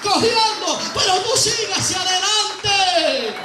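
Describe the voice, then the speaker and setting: A man preaching a fiery sermon as an evangelist, shouting and driving his points home with repeated phrases. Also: very high voice, lively intonation, slow. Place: church hall. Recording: echoey church hall with faint music.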